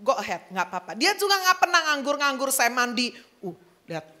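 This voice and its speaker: A middle-aged woman pastor preaching with lively energy. Her voice is bright and a little high, and she drops English phrases into the flow of her sermon. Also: a little fast. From Indonesia.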